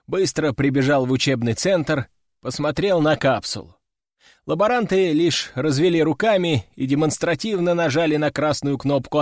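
Male narrator, wry and matter-of-fact, slightly high, dry read. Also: no room sound. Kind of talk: audiobook narration.

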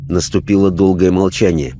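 A man narrating a story in an expressive storytelling manner. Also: low voice, normal speed, a little hiss or hum. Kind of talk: scripted narration.

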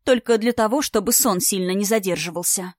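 A woman's voice: medium pitch, a little fast, no echo, clean studio sound, lightly acted. A woman voicing a frightened, fussing maid who coos and coaxes. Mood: coaxing. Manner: cooing, fussing.

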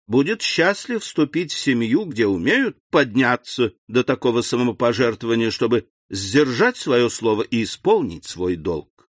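A man voicing a suave wealthy count, smooth, polite and quietly insistent. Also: mid-range voice, no echo, clean studio sound, lightly acted. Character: suave wealthy male count, courteous and cool.

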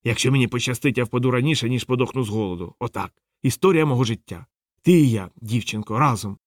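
A man's voice: medium pitch, fast, no echo, clean studio sound, close to an everyday voice. Man doing a grumbling scruffy street dog. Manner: grumbling, sarcastic. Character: scruffy self-pitying male street dog.

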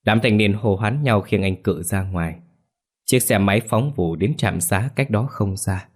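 A man giving steady scripted story narration. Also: lowish voice, measured pace.

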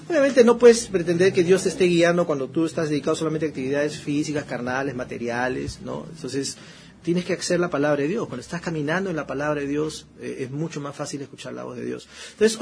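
Here a pastor preaches in a chatty, conversational way, repeating phrases and dropping frequent rhetorical questions and "¿no?" asides. His pitch is fairly high, with vocal fry and a slightly mellow quality, plus a little hiss or hum. His prayer voice is fervent, slow and emphatic.

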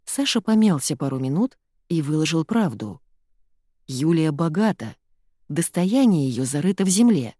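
A woman narrates an audiobook in an expressive, lively way. Her voice sits fairly low, and the recording is close and dry. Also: normal speed, no room sound. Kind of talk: scripted narration.

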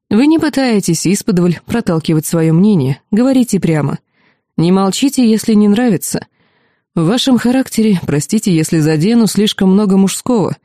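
A courtly duke speaks in a calm, wry, faintly condescending tone, as a woman reads him in an audiobook, with a mellow, dark timbre. The sound is close and dry. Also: medium pitch, no echo, close to an everyday voice. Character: suave, candid noble duke, adult man. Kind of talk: audiobook character reading.

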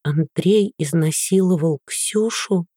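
A man's voice: a little high, slow pace, mellow, no echo, studio quality. A man voicing a frightened teenage daughter who pleads tearfully with her father. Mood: stunned. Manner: pleading, tearful, breaking into cries.

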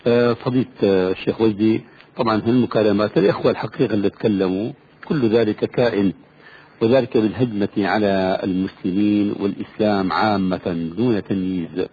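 Levantine radio host on a tinny line. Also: male voice, on the low side, fairly even intonation, slightly rough. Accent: Levantine Arabic. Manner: measured, formal. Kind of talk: formal radio hosting. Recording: tinny phone-line sound with faint noise.

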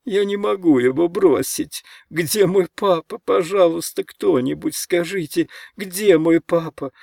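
A feverish teenage boy pleads in a thin, cracking whine that sounds far younger than he is, as a man reads him in an audiobook. His voice sits high above a normal speaking voice and pushes loud. The sound is dry and close. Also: measured pace, creaky, no room sound, heavily acted. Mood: pleading. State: feverish and hoarse. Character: feverish panicked teenage boy, whining like a small child. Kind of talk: audiobook character voice.

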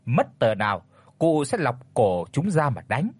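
A man tells a scripted horror story with dramatic expression. His voice is husky, and his pitch moves lively through every sentence. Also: unhurried, no echo.

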